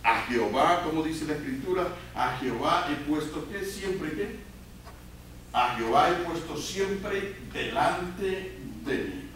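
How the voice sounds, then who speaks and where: A man preaching a sermon, often throwing questions out to the congregation and moving between loud emphatic peaks and quiet low asides. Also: animated, slow. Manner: call-and-response questions to the congregation. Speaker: pastor. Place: church sanctuary. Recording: very echoey church hall, voice from far off, faint hiss.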